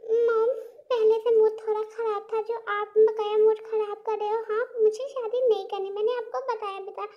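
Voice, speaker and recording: A woman's voice: very high-pitched, little pitch movement, moderate pace, highs cut off. A woman voicing an irritated young woman who stubbornly refuses an arranged marriage.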